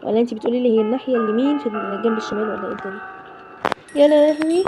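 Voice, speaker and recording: A woman's voice: on the high side, fairly even intonation, racing, music in the background, rough recording. A young Egyptian woman with an Egyptian Arabic accent, giving jittery, exasperated commentary on a horror game as she talks to her viewers. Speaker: gaming YouTuber. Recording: loud background noise and clicks.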